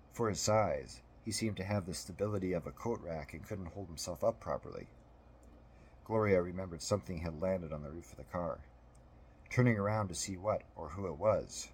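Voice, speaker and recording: A man narrating an audiobook in a steady, measured storytelling manner. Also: sits low, a little hiss or hum.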